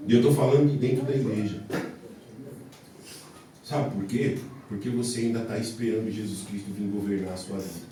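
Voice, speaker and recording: A man's voice: fairly low pitch, fairly even intonation, normal speed, warm tone. A Brazilian man preaching a fervent church sermon, emphatic, repeating phrases and throwing out rhetorical questions. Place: church service before a congregation. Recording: very echoey church hall, distant mic, faint noise.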